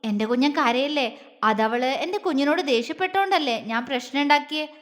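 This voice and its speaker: Woman doing a doting young husband, soft coaxing voice, high pitch, echoey room. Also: normal speed. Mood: tender.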